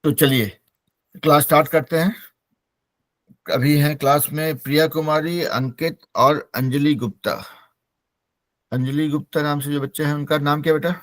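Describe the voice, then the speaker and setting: A man's voice: fairly high pitch, fairly even intonation, normal speed, long pauses, no room sound. A man from Bihar teaching an online English-speaking class over a video call, explaining patiently in a mix of Hindi and English. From Bihar, India.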